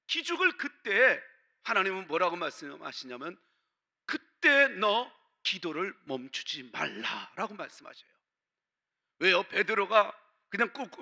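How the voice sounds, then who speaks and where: Bright, gravelly-voiced male pastor preaching. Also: high-pitched. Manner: emphatic preaching, asks the congregation questions. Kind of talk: sermon. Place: church.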